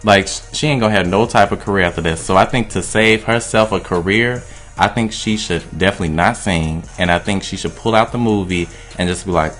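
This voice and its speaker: Male radio co-host, very low voice, opinionated and emphatic, faint music bed. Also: fairly quick, a bit bright. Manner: emphatic, opinionated, rambling run-on talk. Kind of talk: casual opinion chat.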